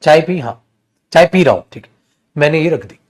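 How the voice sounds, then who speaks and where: A man teaching an exam-prep English class while running a fever, animated and addressing students as son and brother. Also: fairly high pitch, fairly quick. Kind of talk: classroom lecture.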